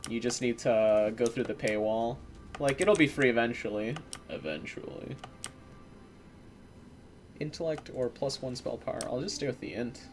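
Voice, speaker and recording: A man streaming a game talks to his viewers in a relaxed, occasionally profane way, leaving long pauses between his words. He's of Eastern European descent and speaks at normal speed in a medium pitch, with a faint hiss or hum audible.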